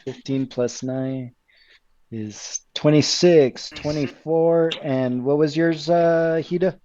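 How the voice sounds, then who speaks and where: Guy running a tabletop game, slow and unhurried, dull lo-fi audio, lots of uh and corrections. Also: fairly high pitch, dark tone, slight background noise. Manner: describes scenes with fillers and self-corrections. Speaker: game master.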